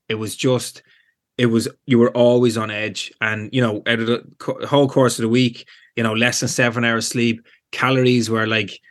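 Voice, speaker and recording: A man's voice: mid-range voice, a bit bright. A man in his forties with an Irish accent, a guest chatting casually in a rambling way, full of fillers. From Ireland. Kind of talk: casual chat.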